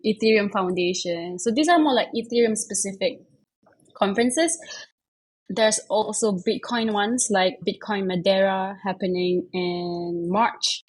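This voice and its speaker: Young woman, chatty guest, kinda husky, lots of like and you know. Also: medium pitch, poor audio. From Malaysia. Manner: chatty, many fillers and self-corrections. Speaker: guest, investment manager. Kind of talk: casual interview chat.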